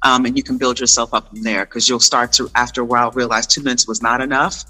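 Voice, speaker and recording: A man's voice: mid-range voice, steady tone, fast talker, sharp tone, faint music behind. A man explaining things conversationally, like a wellness coach, in an encouraging, informal way with short emphatic phrases. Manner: encouraging, reassuring. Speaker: meditation and wellness guest.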